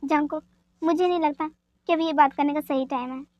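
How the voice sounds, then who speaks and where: A woman's voice: high voice, normal speed, no echo, lightly acted. A woman voicing a reassuring young husband. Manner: calming, reassuring.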